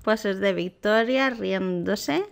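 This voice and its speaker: A woman with a Spain Spanish accent, a gaming youtuber giving casual, excitable reaction commentary. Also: mid-range voice, takes it slowly, creaky. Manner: excitable, gushing exclamations.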